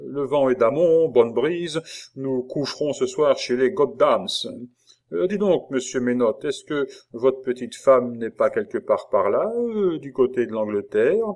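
A man voicing a swaggering convict innkeeper who talks like a salty old sailor, loud and boastful. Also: medium pitch, lively intonation, unhurried, natural voice. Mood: gruff boasting.

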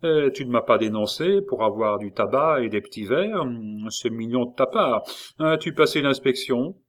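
A man's voice: mid-range voice, animated, normal speed, close to an everyday voice. A man reading aloud and voicing a sly, jovial male tavern-keeper and convict who talks in a familiar, mocking way.

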